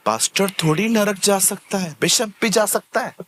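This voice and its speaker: High, bright-voiced pastor preaching. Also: male voice, normal speed, slight background noise. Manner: animated, acts out little scenes and voices of people; mixes in English words. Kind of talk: lively sermon.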